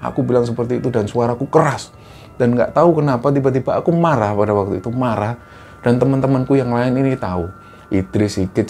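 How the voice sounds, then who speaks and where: A man telling a hiking horror story casually, acting out the voices he quotes. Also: fairly low pitch. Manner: animated, acts out quoted voices, fillers like "nah" and "gitu". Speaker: storyteller recounting a hike.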